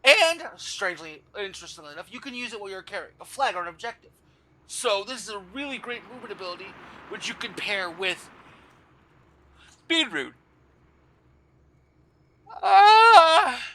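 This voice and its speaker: High bright-voiced tired male gamer. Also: animated, fairly quick, poor audio. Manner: rambling, often stops to correct himself. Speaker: gamer explaining a game class. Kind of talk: casual game guide voice-over.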